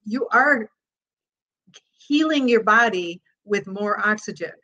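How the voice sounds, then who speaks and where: Slow-spoken woman teaching laughter. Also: medium pitch, muffled recording. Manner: bursts into demonstration laughs and explains calmly. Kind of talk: interview demonstrating laughs.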